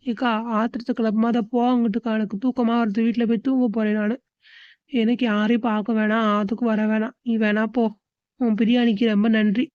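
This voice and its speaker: Brief: woman playing a petulant, grumbling wife, slightly high voice, dry muffled recording. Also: little pitch movement, brisk, no room sound, lightly acted. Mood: sulking. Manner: complaining, petulant village talk. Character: grown woman, sulky and hungry on her birthday. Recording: dull, muffled close recording.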